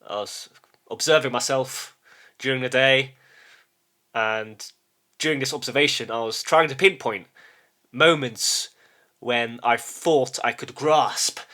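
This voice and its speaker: Halting, bright-voiced man musing aloud. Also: mid-range voice. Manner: halting, thinking aloud with many restarts; checks in with a soft "yes?". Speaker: channel host. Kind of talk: reflective spoken monologue.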